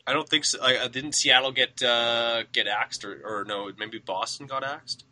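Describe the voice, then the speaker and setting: Bright, rambling young male host. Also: mid-range voice, steady tone, normal speed. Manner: rambling, filler-heavy. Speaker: podcast host. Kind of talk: casual motocross radio chat.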